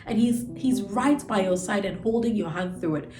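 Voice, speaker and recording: Speaking in a mid-range voice at a moderate pace, a woman breaks down a motivational book on her channel. A cold leaves her stuffy and nasal, but she stays earnest and encouraging, stretching out words for emphasis, in an echoey room with faint background music.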